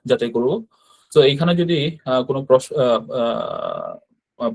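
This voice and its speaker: A man of middle pitch runs an online lesson and moves through the explanations at a quick clip. He leans on fillers, and he often corrects himself mid-sentence. The sound comes through a video call. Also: a little mellow. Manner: fast, explanatory, with frequent fillers and self-corrections. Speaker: Japanese language teacher.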